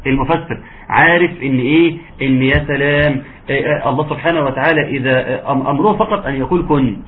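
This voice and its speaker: Egyptian man teaching Quran recitation over a thin line. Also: medium pitch. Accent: Egyptian Arabic. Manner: patient, encouraging, breaks into slow drawn-out recitation. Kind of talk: online tajweed lesson. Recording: narrow phone-like audio, faint hiss.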